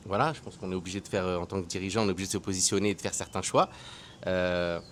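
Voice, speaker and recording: A man's voice: sits low, fairly even intonation, very fast, slight background noise. A man in his thirties from France, a guest speaking frankly and conversationally with many hesitations. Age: 30s. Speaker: guest, entrepreneur. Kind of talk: casual interview.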